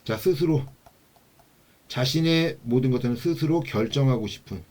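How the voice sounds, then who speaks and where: A man teaches an exam-prep class at a middle pitch, keeping a lecturing tone. He asks rhetorical questions and repeats each key term, often dropping to a quieter, lower voice to stress it. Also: moderate pace. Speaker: social work exam instructor.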